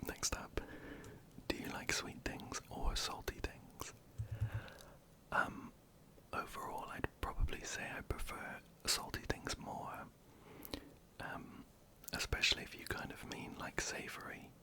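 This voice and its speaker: An ASMR creator, whispering softly and hesitantly while answering viewer questions into a close microphone. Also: measured pace. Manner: soft, hesitant, many ums and restarts.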